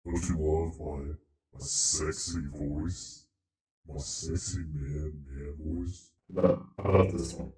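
A man putting on a mock deep, drawn-out "sexy" male voice as a joke. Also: fairly even intonation, darkish tone, roomy sound. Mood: hammy.

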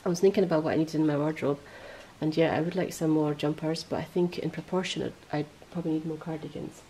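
A woman hosting a podcast in casual chat, rambling and correcting herself as she goes, her voice a little hoarse. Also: deep voice, steady tone, quick pace, dark tone, a little hiss or hum, low-quality recording. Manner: chatty, rambling, self-correcting. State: voice going hoarse. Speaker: podcast host.

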